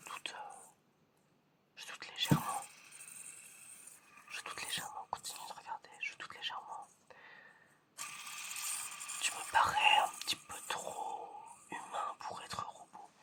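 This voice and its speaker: An ASMR performer whispers a roleplay as an eccentric examiner testing whether the listener is human. The delivery is slow, hesitant and full of repeated phrases, with a pushed, bright sound.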